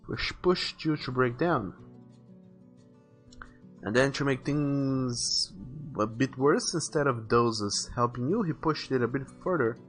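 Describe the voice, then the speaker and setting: A man who streams art and hosts the channel chats casually with his livestream audience in a slightly high voice, reading viewer messages aloud and offering advice. Faint music plays behind him.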